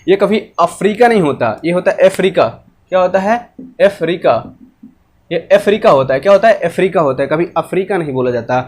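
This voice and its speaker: Indian man teaching in a high voice. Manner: repetitive drilling with self-posed questions. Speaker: English teacher. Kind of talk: classroom-style explanation mixing English and Hindi.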